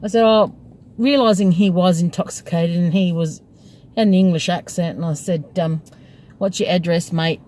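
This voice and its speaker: A woman's voice: fairly low pitch, steady tone, normal speed, warm tone. A woman tells a story from her job as a taxi driver. She talks in a chatty, wry way and laughs as she goes. She sits in her parked cab at a taxi rank. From Australia. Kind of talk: casual storytelling vlog.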